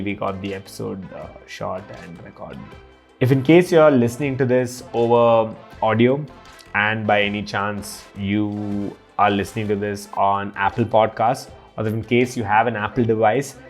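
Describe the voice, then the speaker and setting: A man hosting a podcast in an easygoing, casual way, wrapping up the episode. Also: lowish voice. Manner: easygoing, laughs often, calls people dude. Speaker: podcast host. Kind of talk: casual podcast chat and outro.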